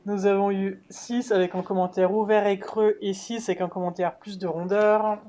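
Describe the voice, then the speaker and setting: Lady going through her dressage marks one by one, relaxed voice, casual and unhurried. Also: medium pitch. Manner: methodical, listing scores one by one; casual, with fillers. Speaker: horse rider vlogger. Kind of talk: voice-over commentary on a dressage test.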